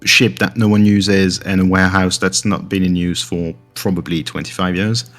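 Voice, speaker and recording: Low-voiced man running a tabletop game. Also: steady tone, moderate pace, fairly bright tone, faint music behind. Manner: hesitant, many fillers. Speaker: game master.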